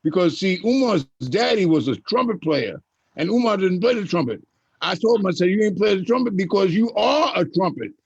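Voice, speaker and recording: Older male host, high gravelly voice, emphatic storyteller, dull dry recording. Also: sing-song, brisk, dry recording. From USA. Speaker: open mic host. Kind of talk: casual group talk.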